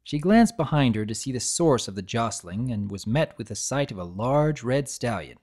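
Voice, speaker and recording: A man reading a story aloud as scripted dramatic narration, in a measured, expressive storytelling manner. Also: medium pitch.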